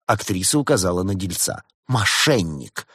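A man narrating a story as an audiobook in a lively storytelling manner. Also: low-pitched, normal speed, slightly rough, dry recording, clean studio sound.

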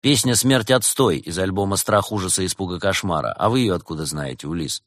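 A man's voice: deep voice, expressive, fairly quick, no echo, clean studio sound. A man doing a sulky teenage puppy. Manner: sulky, offhand. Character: bored teenage male puppy.

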